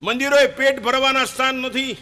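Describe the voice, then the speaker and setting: An older man preaching a fiery sermon, emphatic and at times shouting. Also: very high-pitched, fairly even intonation, normal speed.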